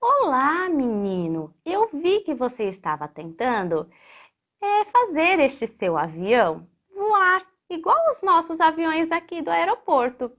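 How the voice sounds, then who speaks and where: A woman's voice: high voice, sing-song, slow pace, fairly bright tone, lo-fi sound, pitched above the performer's own voice, heavily acted. A woman voicing a helpful male airport worker in a children's story, explaining things kindly to a child. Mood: friendly, advising.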